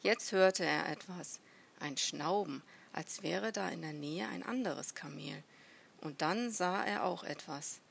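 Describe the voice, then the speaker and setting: A woman reading a children's story aloud in a measured, gentle storytelling manner. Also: fairly low pitch, vocal fry, breathy edge.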